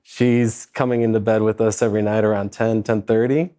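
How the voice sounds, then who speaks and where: A man in his thirties from San Diego, chatting as an interview guest in a relaxed way, often pausing with "uh" and "um". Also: on the low side. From San Diego, California. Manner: relaxed, laid-back, with frequent "uh" and "um". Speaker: guest, private lender. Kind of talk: casual interview chat.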